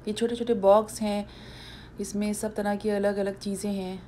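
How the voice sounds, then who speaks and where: Mellow-voiced woman giving a shopping tour. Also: medium pitch, level tone, moderate pace, slight background noise. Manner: chatty, explanatory tour guiding. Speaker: food vlogger. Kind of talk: casual shopping vlog voice-over.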